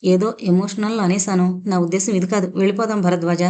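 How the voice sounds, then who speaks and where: A woman's voice: mid-range voice, steady tone, a little fast, mellow, natural voice. A woman voicing a playful, teasing young woman in a spoken audio novel. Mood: frightened.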